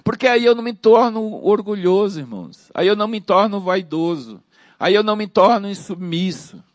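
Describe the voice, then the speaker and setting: A man's voice: high-pitched, animated, moderate pace, dry recording. A man preaching a sermon emphatically, repeating phrases and calling out to the congregation.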